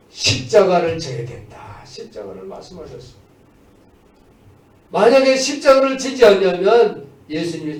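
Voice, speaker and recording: A pastor preaches a Sunday church sermon indoors in a high-pitched, darkish voice, exhorting listeners as he shifts between emphatic proclamation and conversational asides. The mic is distant and the church room echoey.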